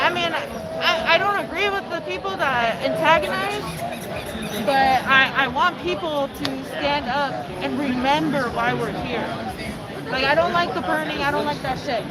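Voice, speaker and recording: High-voiced woman amid a loud crowd. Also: a little slow, low-quality recording. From Costa Rica. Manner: earnest, talks with fillers and restarts. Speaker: interviewee, protest medic. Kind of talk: street interview. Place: outdoor street protest. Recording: loud crowd noise behind.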